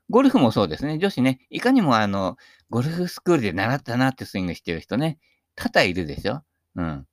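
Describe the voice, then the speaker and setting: A man's voice: no echo, clean studio sound. A middle-aged man talking through a casual, rambling monologue, with lots of fillers and tag particles. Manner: lively swings in pitch, sometimes dropping to a soft mutter. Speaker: host talking about golf.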